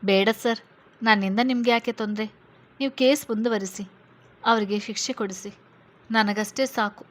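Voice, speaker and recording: A woman's voice: medium pitch, fairly even intonation, normal speed, long pauses, lightly acted. Woman doing sad young orphan girl witness, pleading, says sir a lot, audio story. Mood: resigned. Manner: tearful pleading, keeps saying sir.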